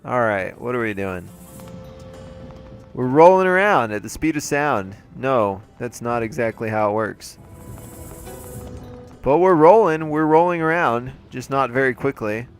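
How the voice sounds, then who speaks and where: A man hosting a let's play jokes around and chats casually about his game in a mid-range voice with lively intonation, a little slow and with long pauses. He seems mildly congested with a slightly off throat, and faint music plays behind him.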